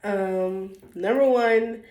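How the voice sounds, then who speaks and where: Seated before the camera, a young YouTuber with a stuffy nose from a cold talks frankly and meanderingly, often restarting and saying um. Her medium-pitched voice is somewhat dark and she draws out her words; the room is echoey.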